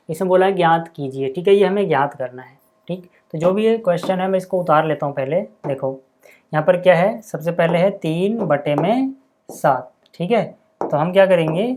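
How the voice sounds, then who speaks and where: A man teaching a maths lesson step by step, dictating numbers slowly and checking in constantly with his students. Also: fairly high pitch, a little mellow, slight background noise.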